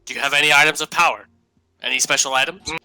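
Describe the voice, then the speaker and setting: A man's voice: on the high side, fairly even intonation, fast talker, pushed and bright, no echo, rough recording. A man playing a tabletop game, giving commands in a bossy way. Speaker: player. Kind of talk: tabletop role-play.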